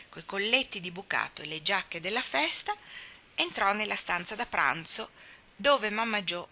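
Bright-voiced woman reading a classic story. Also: medium pitch. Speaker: reader. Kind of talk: audiobook narration of a classic novel.

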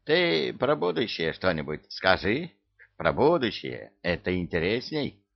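A man voicing an ancient, impatient sorcerer king who talks in an excitable, colloquial way. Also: lowish voice, a little slow, gravelly, lo-fi sound, exaggerated voice.

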